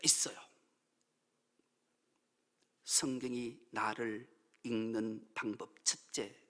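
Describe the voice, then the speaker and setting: Man, pastor, sermon, dramatic whisper-to-shout swings, husky tone, reverberant church hall. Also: fairly high pitch. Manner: dramatic, swings from hushed near-whispers to loud exclamations. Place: church sanctuary.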